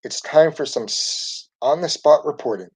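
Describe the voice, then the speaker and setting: A man voicing a calm, upbeat, eccentric schoolteacher in a storybook reading. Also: on the high side, moderate pace, husky, no room sound, voice pushed up, poor audio. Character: zany calm schoolteacher woman.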